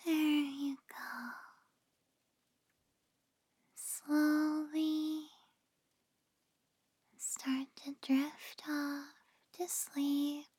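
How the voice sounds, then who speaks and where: A woman playing a tender, reassuring partner in an ASMR role-play, speaking gently and close in the listener's ear as if lulling a loved one to sleep. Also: high-pitched, flat delivery, no room sound. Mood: soothing, lulling. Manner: slow, gentle, soothing.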